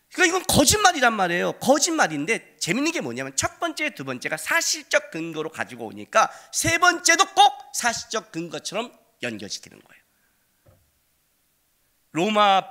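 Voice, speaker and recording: A man in his forties preaching a sermon in a church, telling stories animatedly and acting out the people in them with sudden loud outbursts. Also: sits high. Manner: animated storytelling, acts out quoted voices with sudden loud outbursts. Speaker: pastor. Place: church sanctuary.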